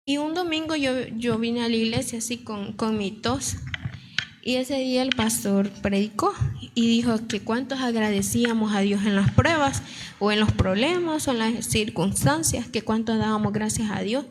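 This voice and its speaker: A woman's voice: on the high side, normal speed, slight background noise. A young woman from a church giving an earnest testimony to her congregation, repeating herself as she tells it, her throat still sore. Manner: earnest, repetitive storytelling. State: sore throat, slight cough.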